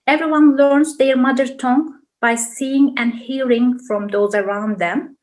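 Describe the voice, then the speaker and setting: A woman with a Turkish accent, a native Turkish speaker, explaining like a language teacher in careful, deliberate non-native English. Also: high voice, fairly even intonation, a little mellow, poor audio. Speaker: language teacher, interview guest. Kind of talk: explanatory interview answers, lesson-like.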